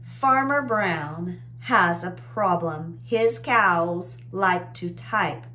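A woman in her forties with an American accent hosts children's story time in a small indoor room lined with bookshelves. She reads a picture book aloud and explains things simply through questions. Her voice is fairly low, extremely slow, pushed and bright.

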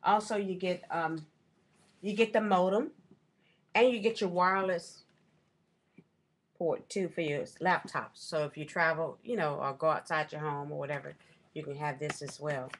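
A middle-aged woman with a low voice talks casually into a desk webcam at home. She rambles through her shopping haul, stopping to correct herself on prices. The talk is loose and chatty. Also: a little slow, long pauses. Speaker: vlogger. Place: small room at home, indoors.

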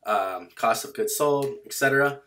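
Young male tutor, a bit hoarse, plain casual walkthrough, mid-pitched voice. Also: moderate pace, fairly bright tone. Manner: plain, matter-of-fact walkthrough with fillers. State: slightly hoarse. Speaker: online seller teaching a spreadsheet. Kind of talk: casual screen-share tutorial.

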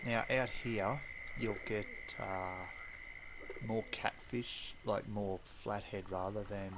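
Man, slow unhurried delivery, casual game tutorial, loud crickets and frogs behind. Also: fairly low pitch, background noise. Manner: relaxed, rambling, many fillers and pauses. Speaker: game streamer. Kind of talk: casual gameplay tutorial commentary.

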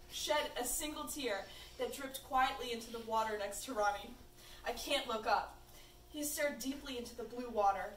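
A woman's voice: on the high side, fairly bright tone. A teenage girl reading fan fiction aloud in a playful way, hamming up the quoted lines. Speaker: fanfiction reader. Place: room at a birthday party. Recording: echoey room, far from the mic, faint noise.

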